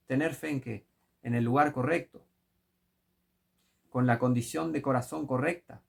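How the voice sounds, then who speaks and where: A man's voice: mid-range voice, vocal fry, slightly rough. A man preaching a sermon, emphatic and full of rhetorical questions.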